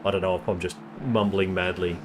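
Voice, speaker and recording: Give me a low-voiced man doing live race commentary, thinking aloud with lots of ums. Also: level tone, fairly quick, background noise. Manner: thinking aloud, explaining tyre details with many ums. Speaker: sim racing commentator.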